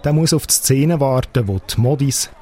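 A man's voice: mid-range voice, moderate pace, darkish tone. A man with a Swiss German accent narrating a scripted radio review as a critic.

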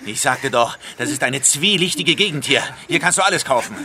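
An actor playing a scheming, domineering armed husband in a radio drama, theatrical and commanding. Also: male voice, medium pitch, lively intonation, a little fast, pushed and bright, slight background noise. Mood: menacing, outraged.

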